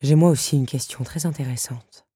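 A woman's voice: fairly quick, mellow, breathy edge, no echo, studio quality, heavily acted. A woman voicing the Beast, a proud, bitter male creature, in an audiobook reading. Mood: curt. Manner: bitter, low and curt.

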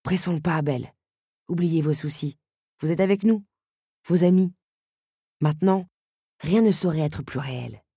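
A woman's voice: deep voice, moderate pace, pauses often, dark tone, slightly rough, dry recording, exaggerated voice. A woman voicing a young duke who speaks to a friend in a dry, teasing and earnest way. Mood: gentle reassurance.

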